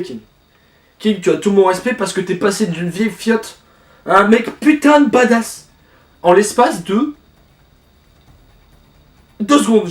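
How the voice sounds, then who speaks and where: A man's voice: high-pitched, roomy sound, recorded from a distance. Rambling young man reacting to a manga. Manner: informal, rambling, with many fillers and swearing. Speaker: manga reaction video host. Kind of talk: casual reaction commentary.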